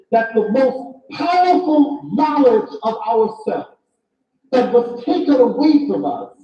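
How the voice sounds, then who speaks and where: A man lecturing an audience as an author, speaking emphatically and repeating phrases in a preaching cadence. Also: very high-pitched. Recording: echoey, distant, dull lo-fi recording.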